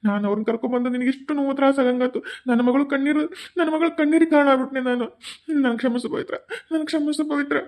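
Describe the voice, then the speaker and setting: A woman voicing a fast-talking remorseful cartoon grandmother. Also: high voice, darkish tone. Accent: North Karnataka Kannada. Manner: fast, emotional. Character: remorseful grandmother, guilty and pleading. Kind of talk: cartoon voice acting.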